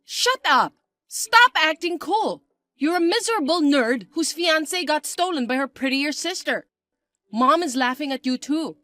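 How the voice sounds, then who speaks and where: A woman voicing a spiteful, bossy young stepsister who talks in a shrill, mocking, shouty way. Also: moderate pace, dry recording. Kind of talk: chat-story voice acting.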